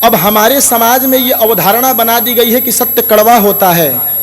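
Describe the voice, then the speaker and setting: A man giving a devotional Hindi sermon. He chants Sanskrit verses slowly and then explains them in plain talk, calling his listeners brothers. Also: very high-pitched. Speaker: Bhagwat Katha preacher. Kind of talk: devotional sermon with scripture recitation.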